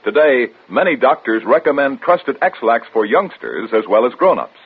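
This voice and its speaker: Male announcer, chipper 1950s ad read, lively swings, muffled old-radio sound. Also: medium pitch, normal speed, breathy edge. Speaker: commercial announcer. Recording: muffled vintage radio broadcast.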